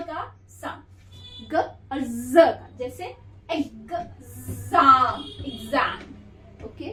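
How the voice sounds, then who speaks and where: A woman teaches phonics at an unhurried pace, breaking words into sounds and repeating them. Her voice is high, and she calls her students "beta". She is heard from some distance in an echoing room. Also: fairly bright tone. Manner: sounds words out slowly, repeating each one. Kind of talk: slow classroom phonics lesson. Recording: echoey room from far off.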